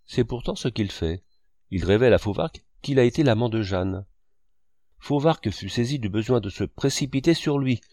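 A man narrating a French novel in a measured literary reading. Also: on the low side, a little mellow, no echo, studio quality.

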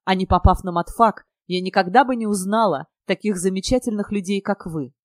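A woman's voice: mid-range voice, a little fast, no room sound, studio quality, natural voice. A woman voicing an earnest, emotional young female student speaking from the heart. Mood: heartfelt.

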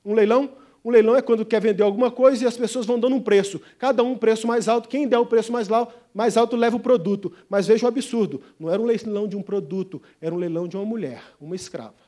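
High-voiced preacher telling a story. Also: male voice, fast talker. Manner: emphatic storytelling, swings from loud to hushed. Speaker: pastor, missionary. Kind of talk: sermon.

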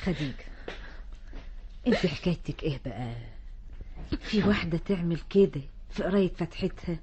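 An actress playing a kindly wealthy Egyptian village lady who chides the girl warmly but firmly, in a 1960s radio drama. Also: lowish voice, lively intonation, normal speed, a little hiss or hum, lightly acted. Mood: gently chiding. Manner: warm but firm.

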